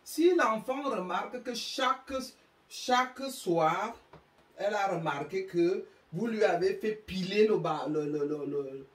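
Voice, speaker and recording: A woman's voice: medium pitch, lively intonation, takes it slowly, roomy sound. African woman lecturing moms on parenting, emphatic and scolding, stammers a lot, sounds far from the mic. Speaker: speaker giving parenting advice. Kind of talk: impassioned monologue to an audience.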